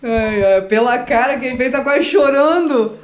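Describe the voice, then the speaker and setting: A woman's voice: fairly high pitch, a little slow. A woman talking casually to her viewers in a vlog, chatty and giggly as she shows off the result. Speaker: vlogger. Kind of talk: casual vlog talk to camera. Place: barbershop, then home. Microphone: phone camera held by others. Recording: echoey room, faint background noise.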